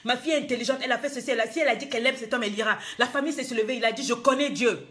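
A woman's voice: fairly high pitch, fairly even intonation, rapid-fire, a bit bright. A woman life coach, scolding her viewers in a live-streamed motivational talk, emphatic and full of rhetorical questions.

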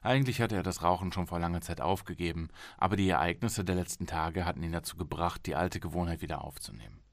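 Low-voiced male audiobook narrator. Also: vocal fry, no room sound, clean studio sound. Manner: measured, expressive reading. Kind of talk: scripted narration. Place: small home studio. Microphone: studio microphone.

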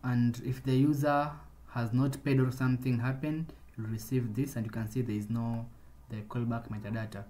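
A man's voice: medium pitch, level tone, moderate pace, dark tone. A man explaining programming in a casual screen-recorded coding tutorial, talking things through with frequent restarts.

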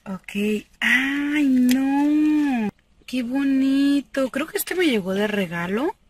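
This young woman from Mexico sells cosmetics and vlogs, here chatting cheerfully through an unboxing in a parked car with her phone held out at arm's length, laughing frequently. She speaks very slowly in a high, expressive voice, with slight background noise.

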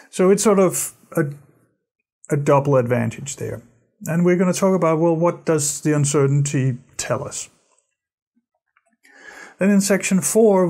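Speaking to camera for a recorded course, a middle-aged Danish instructor explains his material in a studio, with frequent word repetition and plenty of gestures. His voice is on the high side and darkish in tone.

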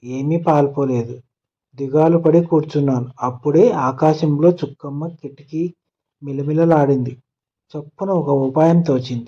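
A man narrating a children's moral story in a gentle storybook manner. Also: fairly high pitch, unhurried, slightly rough, muffled recording. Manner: gentle storybook telling, voicing characters' lines in turn.

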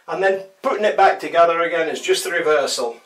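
Standing in a small tiled indoor shower, an older DIY presenter talks through a hands-on job in a fairly high, fairly bright voice at a quick pace. He's chatty and wry, poking fun at himself, and the distant microphone catches a roomy tiled echo.

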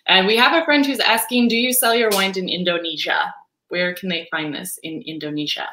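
Bright-voiced woman hosting a video call. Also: fairly low pitch, fairly even intonation, roomy sound, low-quality recording. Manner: upbeat, brisk moderator. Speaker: host sommelier.

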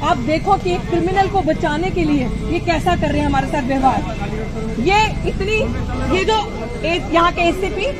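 A woman's voice: extremely high pitch, normal speed, rough recording. Urgent woman rallying a protest crowd. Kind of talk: street protest speech. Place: outdoor street protest. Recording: loud crowd and music outdoors.

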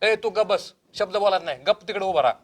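A man's voice: high-pitched, brisk. A young man playing a petulant husband who bosses and whines in a comedy sketch. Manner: whiny, bossy.

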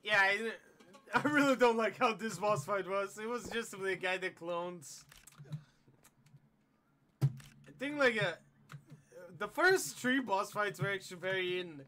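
A young man giving casual, rambling commentary while playing a game, trailing off quietly. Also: sits high, unhurried, long pauses, slight background noise. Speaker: gaming channel host.

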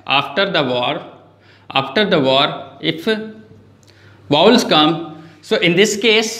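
Slow high-voiced man teaching a class. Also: bright, forceful tone, echoey room. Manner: asks and answers his own questions, mixing Hindi and English. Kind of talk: classroom grammar lesson.

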